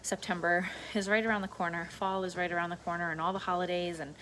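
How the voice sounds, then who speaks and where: Low-pitched woman rambling casually over background noise. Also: fast talker, poor audio. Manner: informal, meandering, repeats herself. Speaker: vlogger. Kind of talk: casual rambling solo vlog chat. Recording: clear steady background noise.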